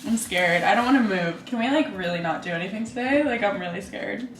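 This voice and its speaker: A woman's voice: mid-range voice, animated, brisk, recorded from a distance. A young woman chatting casually and animatedly while eating on camera, often laughing. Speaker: vlogger. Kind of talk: casual mukbang chat. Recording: echoey room, away from mic, faint noise.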